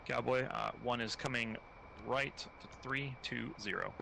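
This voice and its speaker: A man's voice: mid-range voice, steady tone, a little slow, vocal fry. A man speaking as a flight-sim pilot in casual squad radio chat. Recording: loud vehicle-like noise.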